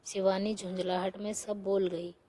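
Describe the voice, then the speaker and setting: A woman narrating a family story as a storyteller, reading every part in her own soft, steady voice. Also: mid-range voice, a little slow, a little hiss or hum.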